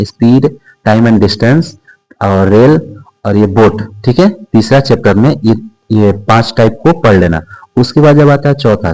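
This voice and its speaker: A man's voice: medium pitch, darkish tone, low-quality recording. A man teaching an exam-prep math lesson, repeating key terms and asking questions he then answers himself. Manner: repetitive, asks and answers own questions.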